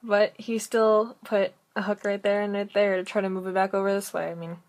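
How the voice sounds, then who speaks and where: A woman talks with braces in a casual vlog style, her voice sitting at a medium pitch. She is chatty and rambles along, often breaking into her own sentences to add an aside. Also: level tone, a little fast, darkish tone. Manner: talking with braces; rambling, chatty, self-interrupting. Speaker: vlogger. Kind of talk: casual chat to camera.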